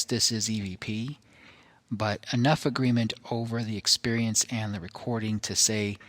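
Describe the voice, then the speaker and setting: A man presenting a recording in an explanatory monologue, phrasing things carefully and haltingly, in short deliberate pieces. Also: mid-range voice, fairly bright tone.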